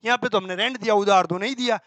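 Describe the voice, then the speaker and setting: A male teacher running a quick exam-prep accounting class, quizzing himself aloud and answering in a student's voice, with homely examples. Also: high-pitched, a bit bright, no room sound. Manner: brisk and colloquial, with homely examples.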